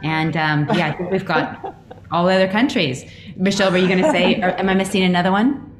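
Greeting each participant by name, an Australian woman acts as a chatty, welcoming host and coach on a relaxed online group call. She speaks briskly in a lowish, steady voice from an indoor room, picked up with roomy echo and a faint background noise.

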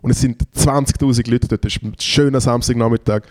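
A man with a Swiss accent tells a comedic story in a loose, animated way, close to a podcast mic. His voice is mid-pitched and the room sounds dry. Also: quick pace, no echo. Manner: animated, acts out quotes with shouting. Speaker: podcast co-host.

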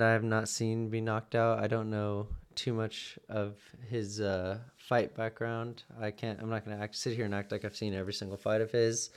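A man hosting a podcast with casual sports commentary, talking informally and a little haltingly. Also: fairly low pitch, darkish tone, smooth. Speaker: podcast host.

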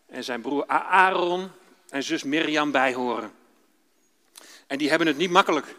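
Male preacher, children's sermon, storytelling tone, high bright voice, long church echo. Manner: warm storytelling, addressing children directly.

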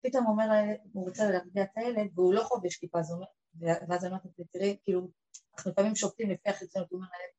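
A woman, telling an emotional personal story to a group and acting out the people in it. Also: lo-fi sound. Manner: emotional, acts out quoted voices, lively swings of pitch and loudness.

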